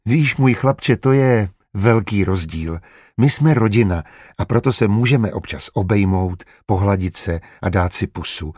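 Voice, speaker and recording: A man voicing a calm, motherly grown woman in an audiobook. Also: fairly low pitch, slightly rough, no echo, studio quality.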